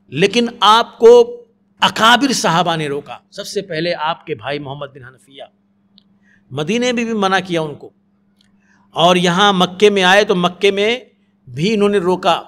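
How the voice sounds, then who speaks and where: A preacher, a man with a notably high voice, narrates history in an earnest religious lecture. He often sinks into low, soft passages as he tells the story. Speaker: Islamic preacher.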